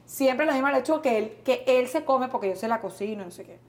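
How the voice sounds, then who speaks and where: High-voiced Venezuelan woman, exasperated rant. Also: a little fast. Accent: Venezuelan Spanish. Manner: animated, exasperated ranting with acted-out quotes. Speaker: co-host. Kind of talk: casual comedic banter.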